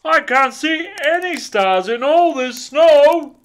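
Big booming, jolly Santa. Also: male voice, lively intonation, exaggerated voice. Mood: flustered. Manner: hearty, blustering, drawn-out exclamations.

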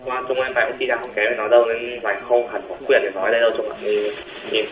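A man's voice: medium pitch, level tone, a crowd in the background. A young man teasing his friend in casual gaming chat. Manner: fast, teasing, dismissive. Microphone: voice chat mic. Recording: echoey, dull lo-fi voice chat.

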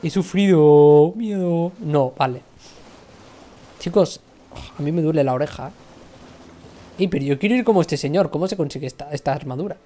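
A woman's voice: deep voice, a little fast, long pauses, mellow. A young woman with a Spain Spanish accent chatting and complaining dramatically while streaming a game, swearing freely. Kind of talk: live game stream commentary.

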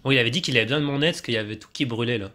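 A man's voice: mid-range voice, very fast, sharp tone, a little hiss or hum. Chatty French gamer man. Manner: joking, chatty, talks to himself. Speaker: let's play gamer. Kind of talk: casual let's play commentary.

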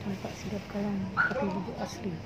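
A woman's voice: medium pitch, little pitch movement, a little fast. A woman vlogging as she shops in an indoor food shop, chatting and exclaiming, filmed on a handheld phone. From Indonesia. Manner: chatty, exclaiming, mixing English and Indonesian. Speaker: vlogger shopping. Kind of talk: casual chat. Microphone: handheld phone camera. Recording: loud shop background noise.

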